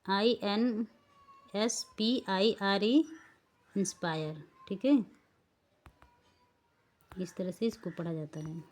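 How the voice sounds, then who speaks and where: A woman's voice: medium pitch, takes it slowly, pauses often, a little mellow. A woman teaching English pronunciation rules, spelling words out letter by letter and checking that the learners follow. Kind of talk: slow spelling-rule lesson.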